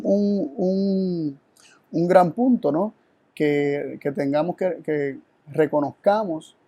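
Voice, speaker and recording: A man leads a Bible study as a teaching sermon, earnest and reflective, posing rhetorical questions along the way. His voice is slightly high with a dark tone, recorded with no room sound.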